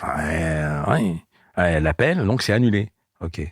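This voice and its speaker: Older guy comedian telling stories, low and a bit husky, laughs a lot, dry mic. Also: moderate pace, no echo. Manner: animated anecdotes with voiced quotes and laughter. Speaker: guest comedian. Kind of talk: casual storytelling.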